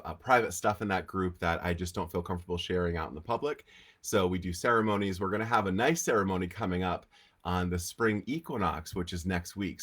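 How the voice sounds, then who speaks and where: A man with a slightly low voice hosts a casual weekly livestream talk on healing. Allergies leave him congested and nasal. He chats in a relaxed, easygoing way. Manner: relaxed, chatty, with frequent fillers.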